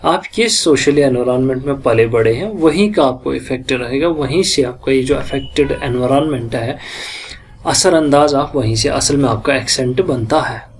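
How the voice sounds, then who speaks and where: A man giving a recorded lecture, explaining in his own words and reading English lines out slowly. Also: medium pitch, a little hiss or hum.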